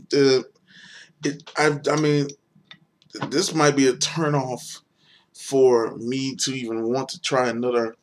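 A man's voice: medium pitch, slight background noise. A young man giving a casual, rambling beer review on video, hesitant and full of fillers.

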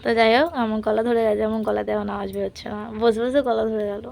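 A woman's voice: a little high, level tone, rapid-fire, creaky, darkish tone, a little hiss or hum. A young woman vlogging casually from her home kitchen, chatting through each cooking step for her viewers on a handheld phone. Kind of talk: casual vlog narration.

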